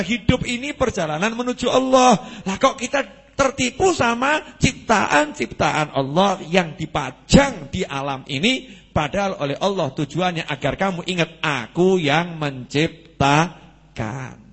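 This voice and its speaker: At a mosque study gathering, a man delivers an Islamic study sermon full of lively stories, acting out quoted dialogue and putting questions to the audience. His voice is high-pitched with a breathy edge.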